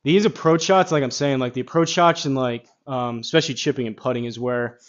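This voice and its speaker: A man giving casual golf simulator commentary, rambling as he thinks out loud. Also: mid-range voice, fairly quick, highs cut off.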